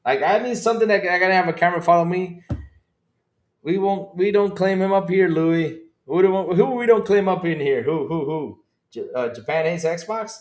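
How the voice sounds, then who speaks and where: A man from the Dominican Republic hosting a casual gaming podcast stream, animated and laughing, moving from loud outbursts to mumbled asides. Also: high voice, normal speed, reverberant. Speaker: podcast host. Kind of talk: casual livestream chat.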